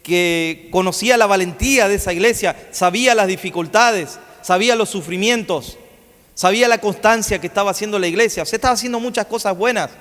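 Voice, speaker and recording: A man's voice: high-pitched, a bit bright. A man preaching a sermon in a church, telling a story and asking the congregation questions, often restarting his words. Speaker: guest preacher. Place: church sanctuary. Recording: long church hall reverb.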